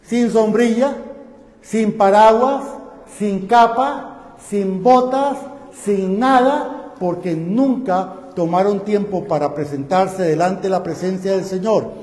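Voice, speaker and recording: A man's voice: high-pitched, slow, a little mellow. A man preaching a sermon, putting rhetorical questions to his congregation. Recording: echoey hall.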